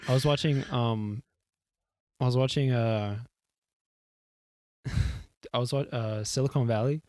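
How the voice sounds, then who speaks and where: This podcast co-host, a young man with a Houston accent, talks in a loose, rambling way, laughing and cursing casually while leaning in to his desk mic. His medium-pitched voice is steady, darkish and unhurried, with a little hiss or hum in the recording.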